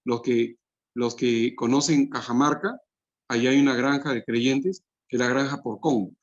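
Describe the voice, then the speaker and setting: A man's voice: mid-range voice, steady tone, measured pace, dull audio. A man, a pastor preaching a sermon to couples, quoting scripture and asking rhetorical questions.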